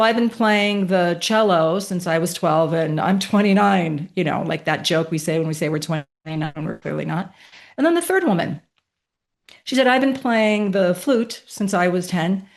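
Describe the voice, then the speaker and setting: A woman in her late fifties, a podcast guest telling a personal story with emphatic, animated delivery and rhetorical questions. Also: lowish voice, moderate pace. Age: 50s.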